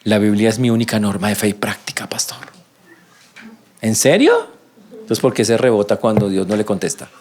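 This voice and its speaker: A man preaching a sermon as a pastor, animated, acting out quoted prayers in a raised voice and dropping soft and low for humble ones. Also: brisk.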